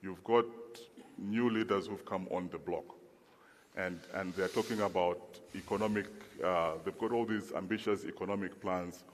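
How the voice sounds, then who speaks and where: A middle-aged man from Zambia giving a measured conference speech, often restarting and repeating words. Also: sits low, steady tone, slight background noise. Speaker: conference speaker, former lawyers' association president. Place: large conference hall. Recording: long hall reverb.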